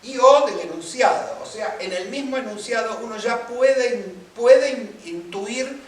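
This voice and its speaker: High-voiced man lecturing in an echoey room. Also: a little slow. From Argentina. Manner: explanatory, asks listeners for agreement. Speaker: music lecturer. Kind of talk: seminar lecture. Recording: echoey room, mic far off.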